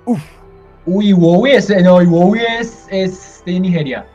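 A man's voice: sits high, measured pace, warm tone, soft background music. A man in casual podcast banter, hesitating with fillers as he tries to recall names. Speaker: podcast co-host playing a trivia game. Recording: dull, slightly lo-fi mic.

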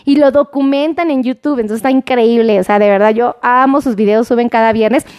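High-voiced chatty Mexican woman doctor. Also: steady tone, fairly quick, a little mellow. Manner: chatty and affectionate, sends greetings and kisses by name. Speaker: doctor hosting a live stream. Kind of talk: casual live-stream chat, reading out viewer comments.

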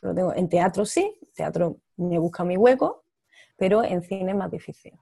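A woman's voice: on the low side, lively intonation, normal speed, gravelly, mellow, husky, no room sound, clean studio sound. A woman who works as an actress abroad, talking candidly in an interview and laughing between her thoughts. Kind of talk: casual interview conversation.

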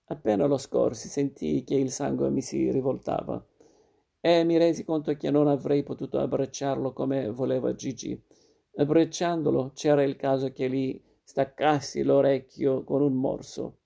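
Gravelly, dark-voiced male narrator. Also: medium pitch. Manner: steady, measured storytelling. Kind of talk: literary reading of a short story.

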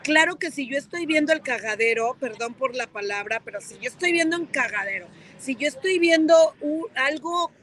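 A woman's voice: sits high, animated, moderate pace, few pauses, a bit bright, a little hiss or hum, rough recording. A woman on a podcast panel, talking emphatically and repeating her key words. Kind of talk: casual podcast panel talk.

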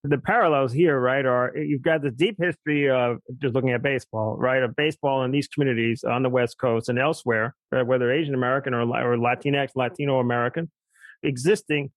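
A man's voice: mid-range voice, steady tone, no echo, rough recording. A man on a discussion panel with an academic tone, often tagging his points with "right?". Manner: rapid, keeps checking in with "right?".

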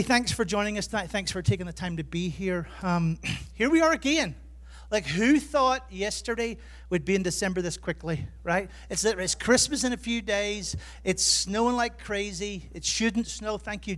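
The voice of this Irish pastor sits high and sounds a bit bright. He's jet lagged, delivering a chatty, self-deprecating sermon built around humorous stories from his own life.

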